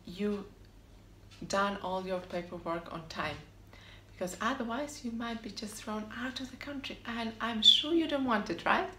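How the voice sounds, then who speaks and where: A woman's voice: fairly high pitch, fairly bright tone, a little hiss or hum. Upbeat woman vlogger in an echoey room. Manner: upbeat, emphatic, repeats short punchy answers. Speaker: vlog host giving advice on living abroad. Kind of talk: scripted tips to camera. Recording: echoey room with faint ambience.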